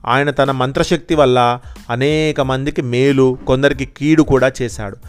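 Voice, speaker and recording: A man voicing a sly, confident male sorcerer in a children's storybook tale, speaking calmly and persuasively in a smooth voice. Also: mid-range voice, close to an everyday voice.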